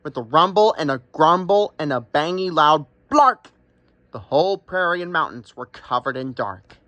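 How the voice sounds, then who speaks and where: A man's voice: a little high, lively intonation, normal speed, sharp tone, dry recording. A man reading a rhyming picture book aloud in a playful, sing-song way. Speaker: storyteller.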